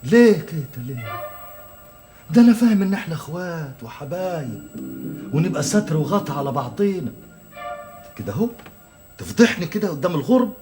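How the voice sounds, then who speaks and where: An actor with an Egyptian accent, playing a hard-pressed man who blusters and then smoothly coaxes a worker he owes money, in a TV drama. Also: fairly high pitch, sing-song, fairly quick, pauses often, mellow, faint music behind. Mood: coaxing. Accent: Egyptian Arabic. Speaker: father and businessman short of money. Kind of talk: 1980s TV drama acting.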